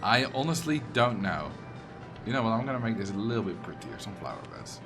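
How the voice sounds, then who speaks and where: Here the streamer sounds low-pitched, animated and brisk, his Dutch accent clear as he chats loosely with viewers and responds to their messages mid-game. Music from the game plays behind him.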